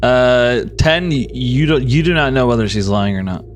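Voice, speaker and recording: A man's voice: medium pitch, lively intonation, normal speed, a little hiss or hum. A man working as game master, improvising narration for a tabletop role-playing game. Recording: faint music behind the voice.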